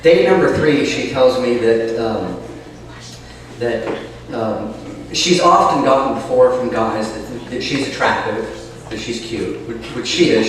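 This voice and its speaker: A man's voice: medium pitch, recorded from a distance, slight background noise. A man chatting and then reading his own novel aloud, sounding like he is in a cave through a cheap mic. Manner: chatty, rambling asides. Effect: cave-like echo.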